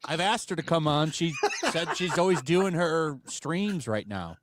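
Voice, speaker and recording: A man's voice: fairly high pitch, expressive, unhurried, background noise. A man hosting a casual live-stream panel chat, blunt and joking, laughing often. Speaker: stream host.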